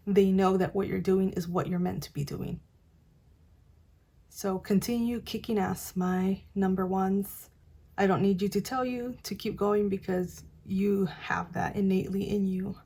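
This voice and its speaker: A woman's voice: medium pitch, steady tone, a little slow, dark tone, husky. A woman giving a casual, encouraging tarot reading to camera, chatty with many fillers. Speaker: tarot reader.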